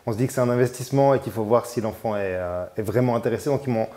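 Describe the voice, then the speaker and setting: A man's voice: medium pitch, racing, warm tone, a little hiss or hum. A man in his thirties, a musician guest in a casual radio interview, who talks with many fillers and restarts.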